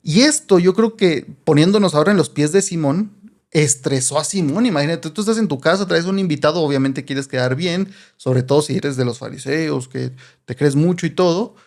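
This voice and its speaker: A man's voice: a little high, moderate pace, a little mellow. Chatty Mexican man teaching the Bible. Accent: Mexican Spanish. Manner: chatty, asks rhetorical questions, frequent "¿no?".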